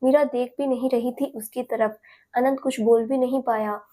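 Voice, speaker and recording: A woman's voice: on the high side, fairly even intonation, normal speed, warm tone. A woman storyteller reading an emotional romance drama in a dramatic, scripted narration style.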